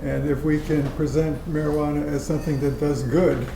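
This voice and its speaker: At an indoor dinner meeting, a public-access show producer tells a rambling story about his show, chuckling as he chats. His fairly high voice is creaky, fairly quick and flat in delivery, captured in an echoey room with background noise.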